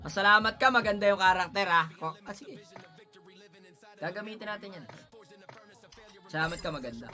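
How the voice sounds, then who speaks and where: A man giving casual gaming commentary, excitable, pleading and shouting at the game as he plays. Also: sits high, moderate pace, long pauses. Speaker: gaming streamer.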